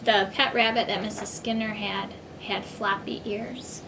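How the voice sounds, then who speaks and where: A woman speaking as a kindergarten teacher, with simple, deliberate phrasing as if reading to a toddler. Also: mid-range voice, fairly even intonation, background noise. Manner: simple, deliberate phrasing addressed to small children. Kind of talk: children's reading lesson, as if reading to a toddler.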